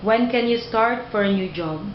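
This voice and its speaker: A woman's voice: fairly high pitch, normal speed, slight background noise. A woman conducting a job interview, patiently repeating and rephrasing her questions. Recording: dull roomy recording.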